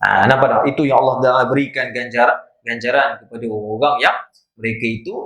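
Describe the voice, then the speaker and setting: Speaking fairly quickly in a steady, mid-range voice with a fairly bright tone, a Malaysian Malay-accented religious teacher delivers an evening lecture. He tells stories and checks in with his audience through rhetorical asides, and the madrasah prayer hall echoes around him.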